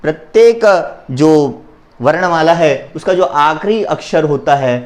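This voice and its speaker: A man's voice: fairly high pitch, animated, measured pace, a little mellow. A man teaching a Hindi grammar lesson to his students, spelling out letters one by one and having them repeat after him. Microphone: recording for an online lesson.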